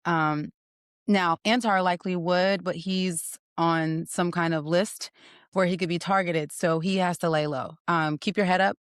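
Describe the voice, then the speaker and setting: A woman's voice: lowish voice, fairly even intonation, measured pace, clear, resonant tone, dry recording, clean studio sound. A woman in her thirties hosting a podcast, chatting playfully and teasing her guest before telling a story. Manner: playful, teasing, laughs often. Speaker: podcast host. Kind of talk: casual interview chat.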